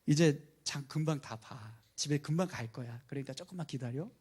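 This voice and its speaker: A man doing a soft-spoken patient old grandfather. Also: fairly high pitch, brisk, breathy edge, pitched below the performer's own voice. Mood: soothing. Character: patient elderly grandfather calming himself.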